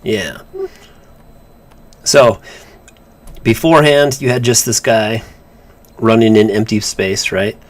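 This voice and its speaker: A man's voice: on the low side, slow, pauses often. A man co-hosting a live drawing stream, chatting casually as he works, rambling and stumbling over his words. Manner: rambling, repeats words and restarts often. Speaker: comic artist co-host. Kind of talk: casual chat while drawing on a livestream.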